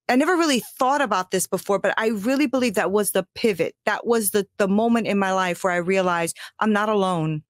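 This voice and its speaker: A woman's voice: a little high, no room sound, clean studio sound. A middle-aged woman from the United States tells an emotional personal story as a podcast guest, acting out what people said and laughing often. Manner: animated, acts out quoted voices, laughs often.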